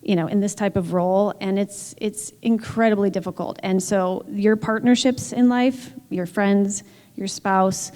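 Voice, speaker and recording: A woman's voice: mid-range voice, steady tone, measured pace, darkish tone. A woman team executive speaking candidly and emphatically on a panel, with frequent filler words. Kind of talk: panel discussion. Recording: long hall reverb.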